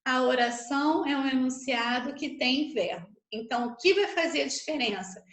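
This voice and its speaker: A woman's voice: high-pitched, a little hiss or hum. A Brazilian Portuguese woman teacher giving an online grammar lesson, explaining patiently and checking in with her students often. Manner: slow, patient explaining with frequent tag questions. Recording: echoey room.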